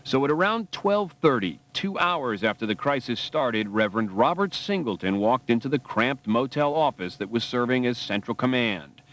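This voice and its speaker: A man's voice: mid-range voice, expressive, moderate pace, few pauses, fairly bright tone. A man narrating a documentary from a dramatic script.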